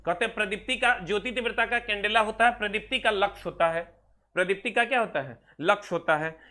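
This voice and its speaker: A man's voice: high voice, noisy background. A young man teaching an exam-prep science class, drilling terms by repeating them and drawing words out. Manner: repetitive, drawn-out drilling of terms, calls students "bhai mere". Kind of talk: classroom lecture.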